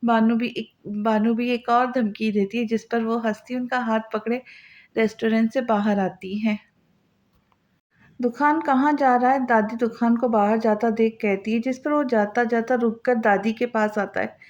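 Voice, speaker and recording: A woman narrating an audio novel in a steady storytelling read. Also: a little high, moderate pace. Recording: slightly dull lo-fi audio.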